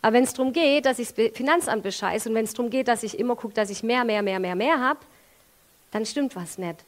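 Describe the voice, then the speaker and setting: A woman with a Swabian accent preaching a sermon in a lively way, moving from quiet to loud and using everyday examples. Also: a little high, a little fast. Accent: Swabian German. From Swabia, Germany. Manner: lively, with big swings in loudness and everyday examples.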